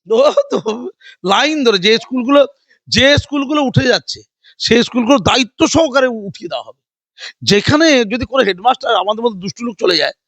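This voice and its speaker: Older man, interviewee, high and fast, dry close sound; combative, sarcastic, rambling. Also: a bit bright, dry recording. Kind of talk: heated political interview.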